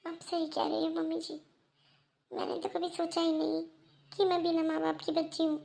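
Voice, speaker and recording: A woman's voice: very high voice, completely flat delivery, normal speed, vocal fry, a little mellow, exaggerated voice. A woman voicing a young orphaned daughter-in-law in a cartoon, dutiful and sorrowful, who pleads earnestly. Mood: plaintive. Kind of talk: Hindi cartoon voice acting.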